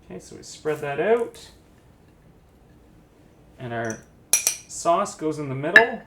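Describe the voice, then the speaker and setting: A man's voice: on the high side, big pitch swings, slow, background noise. A man hosting a casual cooking demonstration, chatty and admiring, thinking aloud as he works in a kitchen. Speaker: cooking show host. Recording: echoey room with guitar music behind.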